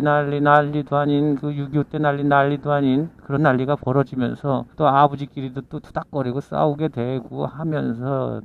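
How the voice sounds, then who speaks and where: Man telling stories over a tinny line. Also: on the high side. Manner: rambling reminiscing, acting out quoted lines. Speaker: delivery rider vlogger. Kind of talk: casual storytelling monologue. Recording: tinny phone-like with faint noise.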